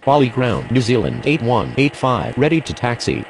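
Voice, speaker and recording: A man's voice: mid-range voice, big pitch swings, normal speed, gravelly. A man giving clipped airline pilot radio calls in formal air traffic phraseology. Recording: faintly noisy, vehicle-like background.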